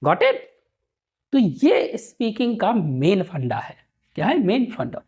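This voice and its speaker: A man teaching pronunciation, repeating words slowly and checking that students follow. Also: high voice, very animated, darkish tone, husky. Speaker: English teacher. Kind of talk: Hindi-English spoken lesson.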